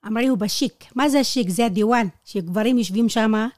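Animated woman with Hebrew. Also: on the high side, no echo, clean studio sound. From Negev, Israel. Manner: animated, acts out quoted dialogue, non-native Hebrew grammar slips. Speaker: interviewee, Bedouin tour guide. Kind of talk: personal storytelling in conversation.

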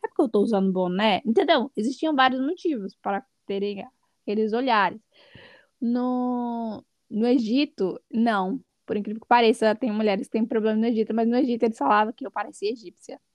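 Lively woman guest, dry close sound. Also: fairly high pitch, brisk, dry recording. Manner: lively, laughs often while telling stories. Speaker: podcast guest. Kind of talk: casual conversational storytelling.

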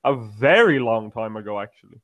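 A man's voice: fairly low pitch, animated, a little fast, dry recording, muffled recording. A man hosting a casual podcast chat, rambling and restarting his sentences as he tells a story. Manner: rambling, self-interrupting storyteller. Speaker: podcast host.

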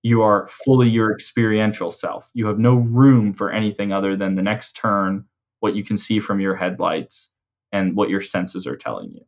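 Man, lower-pitched voice, measured explanatory coaching talk, conversational, slightly dull recording. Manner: measured, explanatory, rephrases points. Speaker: host and coach explaining mental frameworks.

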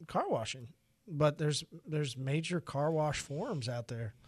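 A man's voice: a little high, animated, unhurried, slightly rough. A man co-hosting a casual podcast chat, talking in loose rambling phrases that restart and repeat as he tastes beer. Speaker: podcast co-host.

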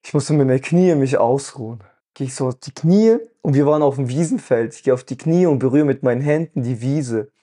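A man's voice: medium pitch, fairly quick, dark tone, breathy edge. A man hosting a podcast, telling a personal story in an earnest, emotional way and often checking in with his listener. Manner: earnest, emotional, full of "weißt du" fillers. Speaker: podcast host.

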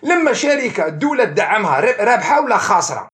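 A man's voice: high-pitched, fast talker. An Algerian man, an economics professor, explaining things as the guest of an interview, mixing in French and English words. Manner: animated, mixes French and English terms.

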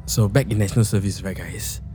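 A young Singaporean man hosting a podcast, chatting and telling personal stories in an animated, slangy way. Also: lowish voice, fairly quick, faint music behind. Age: young adult. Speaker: podcast host. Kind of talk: casual chat and personal storytelling. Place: podcast studio.

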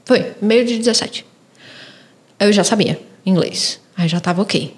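Chatty Brazilian woman, mid-pitched. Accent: Brazilian Portuguese. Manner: chatty and quick to laugh. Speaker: guest. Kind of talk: casual podcast chat.

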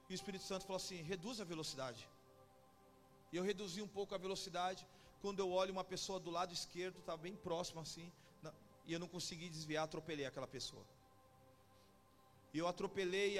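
A pastor with a São Paulo Brazilian accent preaching a testimony sermon, telling his story with rising intensity. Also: sits high. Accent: Brazilian Portuguese, São Paulo. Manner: storytelling, building to shouting. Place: church conference hall. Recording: live hall with long reverb and music.

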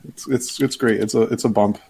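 A man's voice: on the low side, fairly even intonation, fairly quick, gravelly, a little mellow, husky. A man in his twenties on a casual podcast, easygoing and slangy about music. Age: 20s. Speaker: podcast co-host. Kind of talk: casual group chat.

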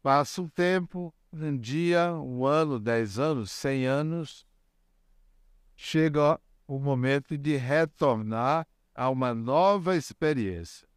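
An older man giving a religious lecture, speaking deliberately and repeating key words for emphasis. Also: mid-range voice, clear, resonant tone, no room sound, clean studio sound. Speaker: spiritist lecturer.

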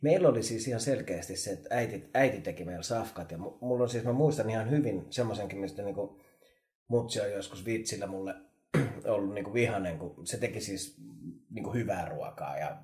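Lively man, echoey room. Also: fairly low pitch. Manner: animated storyteller, laughs often, many fillers. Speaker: podcast co-host. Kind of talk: casual chat.

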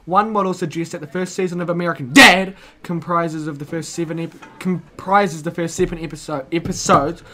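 A man's voice: on the high side, steady tone, brisk, hardly any pauses, bright, forceful tone. A teenage boy, casually reading facts aloud as a co-host, goofy and often stumbling over words.

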